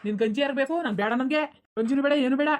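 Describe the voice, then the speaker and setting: A woman's voice: high voice, close to an everyday voice. A woman voicing a drunk, abusive middle-aged village father who snarls threats, for a cartoon. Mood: angry. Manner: snarling threats, rapid scolding.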